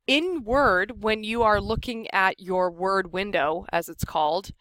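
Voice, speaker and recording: An American woman leads a live workshop, walking a group through software in an informal, conversational way. Her medium-pitched voice is a little slow. The recording is dry, with very little room sound.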